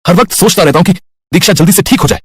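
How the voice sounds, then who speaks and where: A woman voicing a shy, uneasy young husband in a storybook tale, speaking in a lowered, husky voice. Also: sing-song, a little fast, full character voice. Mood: stern. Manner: hesitant, then stern. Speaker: narrator voicing a character. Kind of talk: storybook narration.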